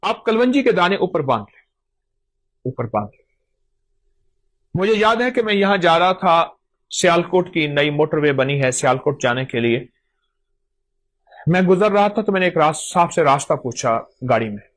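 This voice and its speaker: A man's voice: a little high, lively intonation, normal speed, pauses often, fairly bright tone. A man giving an emphatic talk on folk remedies, repeating phrases for stress. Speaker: host.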